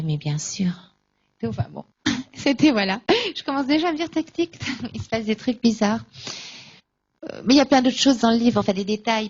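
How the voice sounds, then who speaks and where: A woman giving a personal faith testimony at a conference, recounting events with lively acted-out dialogue. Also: fairly high pitch, lo-fi sound. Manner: lively, acts out remembered dialogue.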